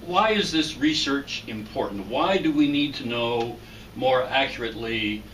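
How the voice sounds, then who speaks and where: Measured male interviewer. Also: mid-range voice, expressive, fairly bright tone. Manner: measured, reads a prepared introduction. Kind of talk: formal introduction then interview. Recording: distant mic with faint noise.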